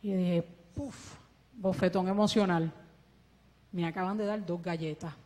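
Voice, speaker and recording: A woman with a lowish, steady, mellow voice talks at a moderate pace, sharing a sincere church testimony in a Puerto Rican Spanish accent. Using a ventilator to breathe, she acts out each bit of dialogue, and the church hall echoes long behind her.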